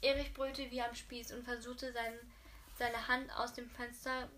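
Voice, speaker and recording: A woman's voice: a little high, little pitch movement, measured pace, a bit bright, slight background noise. A woman reading a novel aloud, often stumbling and correcting herself mid-sentence. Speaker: reader.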